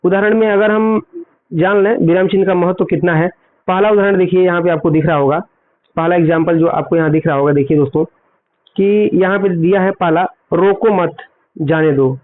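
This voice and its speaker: High-voiced man teaching grammar, tinny. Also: steady tone, a little fast. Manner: explanatory, repeats points and asks then answers quiz questions. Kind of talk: exam-prep grammar lesson. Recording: tinny phone-like audio.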